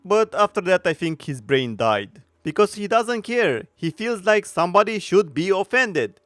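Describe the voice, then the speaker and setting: Man, sarcastic commentary, mocking, slightly high voice, smooth. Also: sing-song, a bit bright, no room sound, soft background music. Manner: sarcastic, mocking, frequent filler pauses. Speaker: commentary youtuber. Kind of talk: opinionated video commentary.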